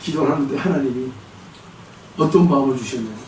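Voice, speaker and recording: Storytelling pastor in an echoey church. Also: male voice, medium pitch, fast, slight background noise. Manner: animated storytelling, acting out quotes. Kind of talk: sermon. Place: church sanctuary. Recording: echoey church hall, distant mic, faint ambience.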